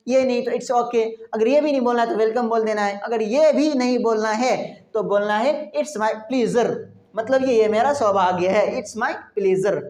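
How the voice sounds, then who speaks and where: A woman's voice: fairly high pitch, darkish tone, roomy sound. A woman with an Indian accent, a native Hindi speaker, teaching a beginners' English lesson. She repeats words again and again and asks her listeners rhetorical questions.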